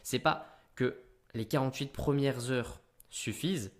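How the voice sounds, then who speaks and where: A teenage man giving business advice straight to camera in an energetic, punchy way. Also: mid-range voice, measured pace. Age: teens.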